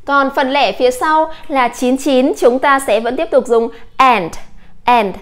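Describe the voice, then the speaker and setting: High-voiced woman teaching English numbers. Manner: patient, slow modeling of English words. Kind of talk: classroom lesson.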